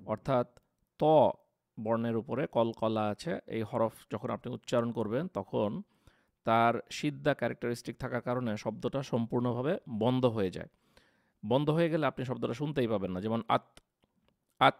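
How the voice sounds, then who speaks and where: Patient male tajweed teacher, slightly gravelly, close and dry. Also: mid-range voice, a little mellow, no echo. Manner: slow, drawn-out demonstrations of Arabic letters; patient, explanatory. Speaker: Quran recitation teacher. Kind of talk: tajweed lesson.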